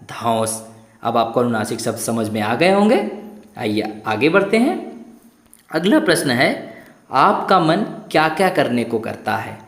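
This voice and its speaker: A man's voice: medium pitch, big pitch swings, measured pace, echoey room. A man teaching a Hindi lesson to young children, asking questions and repeating each answer while stretching the words out.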